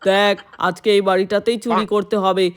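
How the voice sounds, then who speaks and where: Woman doing a gruff scheming thief doll. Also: flat delivery, moderate pace, a crowd in the background, close to an everyday voice. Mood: bossy. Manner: low growly menacing talk.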